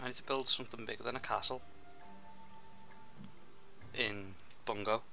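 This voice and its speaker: A young man chatting while playing a co-op strategy game, excitable, with quick outbursts and laughs. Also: mid-range voice, gravelly, soft background music. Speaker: co-op gameplay commentator. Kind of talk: casual gaming chat.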